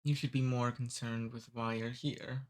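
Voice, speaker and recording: Acting out a courteous, human-abducting demon in ASMR, a man speaks softly at a moderate, easy pace in a level tone. He sounds amused and cordial, teasing gently with no threat, his medium-pitched voice in a plain middle register and close to an everyday voice.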